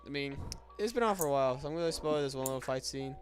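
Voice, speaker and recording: A young man talking through a casual movie review, stalling on fillers and restarting his sentences as he hunts for an opinion. His voice sits at an ordinary middle pitch. Lo-fi music plays clearly underneath. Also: animated, fast talker. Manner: hesitant, full of ums and restarts. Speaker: co-host.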